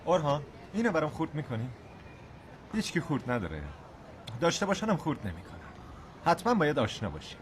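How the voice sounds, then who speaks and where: A man's voice: on the high side, very animated, pauses often, a little hiss or hum. A man dubbing a chatty, friendly acquaintance who vouches for an old townsman.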